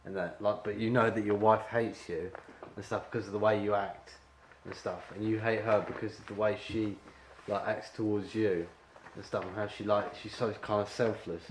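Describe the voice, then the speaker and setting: A man's voice: on the low side, little pitch movement, normal speed, slight background noise. A man directing an actor at an audition, rambling and full of fillers as he explains the scene. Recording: echoey room with faint ambience.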